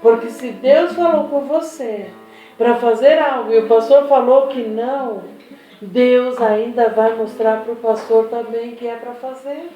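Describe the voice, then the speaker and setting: A woman pastor with a high voice preaches, and she acts out each person's lines as she tells the story. She is heard from a distance, and her voice rings through a very echoey hall. A faint guitar plays behind her. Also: a little slow, highs cut off. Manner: animated storytelling, acting out dialogue. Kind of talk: sermon. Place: church hall.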